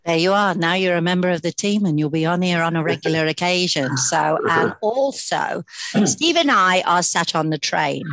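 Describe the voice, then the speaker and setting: Woman, British accent, low pitch, dry close sound, casual podcast host. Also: expressive, normal speed, a bit bright, no echo. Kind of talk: casual podcast introduction and chat.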